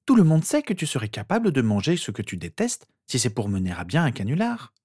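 A man voicing a skeptical, teasing teenage girl with sharp retorts. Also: medium pitch, huge pitch swings, fairly quick, breathy edge, dry recording, clean studio sound, pitched above the performer's own voice. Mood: mocking. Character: mocking skeptical teenage girl, Harry's sister.

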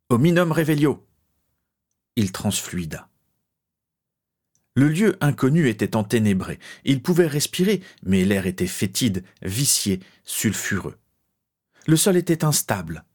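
A man reads a fantasy tale in a measured, dramatic way. His voice sits low and has a breathy, husky edge. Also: darkish tone. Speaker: narrator. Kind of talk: scripted audiobook narration.

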